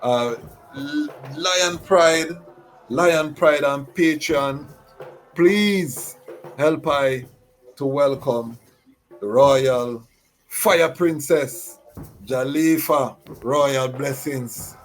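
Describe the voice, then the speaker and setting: A man's voice: mid-range voice, extremely slow, faint music behind, low-quality recording. A man hosting a talk show, introducing his guest with formal, ceremonial phrasing and frequent fillers. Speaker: host.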